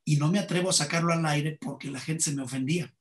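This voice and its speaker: A comedian with a Mexican Spanish accent tells anecdotes in an interview, acting out the dialogue. His voice is on the high side, steady in tone and quick.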